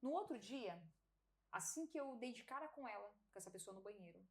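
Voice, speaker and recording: A Brazilian woman with a Brazilian Portuguese accent, telling a personal testimony as a podcast guest, animated and laughing often as she acts out dialogue. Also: fairly high pitch, fairly quick. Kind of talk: casual testimony storytelling.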